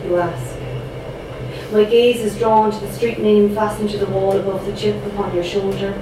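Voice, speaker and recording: A young woman from Cork, Ireland, performs her spoken word poems with rhythmic, dramatic delivery, adding chatty asides between pieces. Her medium-pitched voice moves little in pitch and runs at a normal speed. The echoey room is picked up from a distance, with background noise.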